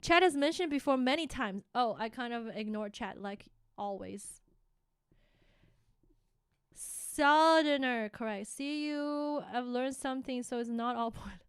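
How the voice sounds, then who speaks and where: Bright, clear-voiced woman streamer. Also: fairly high pitch, moderate pace, hardly any pauses, no echo, clean studio sound. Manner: chatty and giggly, many fillers, musing over English words. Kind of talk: casual live-stream chat.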